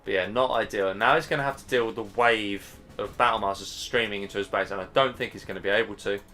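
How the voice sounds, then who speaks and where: Low male caster, tired, casual live commentary over faint music. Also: fast, sharp tone. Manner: chatty, casual, thinking aloud. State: tired, yawning. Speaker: game caster. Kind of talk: live strategy game commentary.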